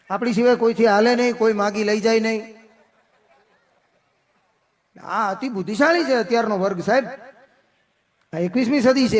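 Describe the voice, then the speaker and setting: A man performing folk comedy on stage. He tells jokes as dialogues and drops lower and softer for his own replies. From Gujarat, India. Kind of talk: live folk comedy storytelling. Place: outdoor festival stage.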